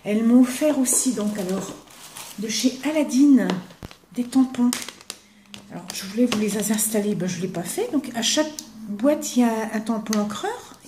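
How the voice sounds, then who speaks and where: An older woman rambles happily through her craft gifts, her voice a little high and soft-edged. She often sinks into a hushed whisper as she admires something. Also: animated, moderate pace, slight background noise. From eastern France. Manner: chatty, warm, drops to a whisper when admiring things. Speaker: craft vlogger. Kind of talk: casual chat showing gifts to camera.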